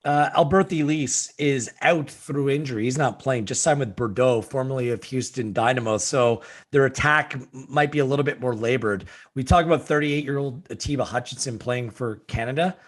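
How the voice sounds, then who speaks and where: A man's voice: medium pitch, moderate pace, few pauses. A man hosting a casual sports podcast, talking with enthusiasm. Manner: enthusiastic, excitable. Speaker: podcast host.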